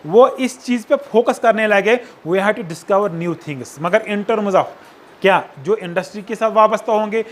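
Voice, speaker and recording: A man's voice: sits high, a little slow. A man giving a sociology lecture, often checking that students follow and mixing in English phrases. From Kashmir. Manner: checks understanding with repeated tag questions, mixes in English phrases. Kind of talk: classroom lecture.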